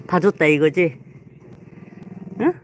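A woman's voice: low voice, slow pace, slight background noise, rough recording. A woman streaming live and coaxing her pet dog to come and get washed. She repeats herself over and over in a sing-song tone and breaks into chuckles. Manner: coaxing, repetitive, laughing often. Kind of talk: casual live stream talk.

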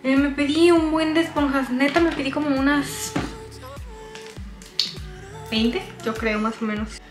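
A woman's voice: high voice, lively intonation, measured pace, echoey room, music in the background. A young woman in her twenties with a Mexican accent, chatting and rambling with self-deprecating asides while doing her makeup in a small bedroom. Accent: Mexican Spanish. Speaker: vlogger. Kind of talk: casual makeup vlog chat.

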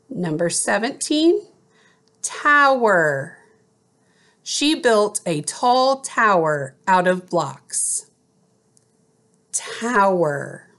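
A middle-aged woman teacher giving a slow school spelling dictation, enunciating deliberately word by word. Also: medium pitch, a bit bright. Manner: deliberate enunciation, word repeated after an example sentence. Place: small room at home, indoors.

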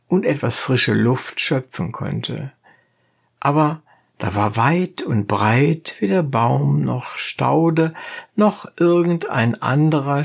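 An audiobook narrator reading a classic satire with a measured storytelling delivery. The voice is gravelly and a little husky, and it moves along at an unhurried pace. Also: mid-range voice.

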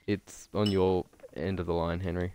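A man's voice: low voice, level tone, moderate pace, mellow, slight background noise. A teenage boy chatting over voice chat while gaming, quizzical and full of questions. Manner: quizzical, keeps asking questions.

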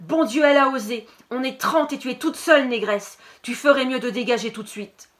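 A woman voicing an aggressive teenage boy who shouts insults at a classmate. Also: high voice, brisk, voice pushed up.

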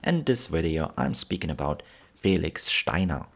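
A man's voice: a bass voice, very animated, moderate pace, a bit bright. A man with a German accent narrating history from a script as channel host, pronouncing w as v.

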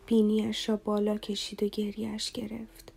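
A woman reading a romance novel aloud as an audiobook narrator in a slow, somber, even way. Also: mid-range voice, gravelly, husky, soft background music.

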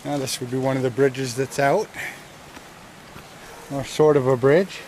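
In this casual hiking vlog, a slow-talking middle-aged man narrates his walk along a wooded streamside trail, his mid-range voice darkish and fairly even in intonation. He holds an action camera at arm's length, and the recording is noisy.

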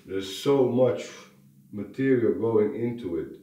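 In a slow, fairly low, warm voice, a farmhouse-renovating vlogger offers a relaxed project update, thinking aloud and full of fillers and restarts. The echoey room and distant mic give the audio a roomy sound.

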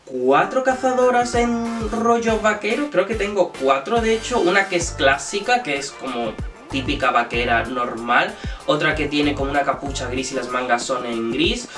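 Young man, slightly high voice, chatty animated haul vlogger, echoey room with music behind. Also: moderate pace, distant mic. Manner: chatty, animated, jokey asides. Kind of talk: casual haul vlog. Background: background music.

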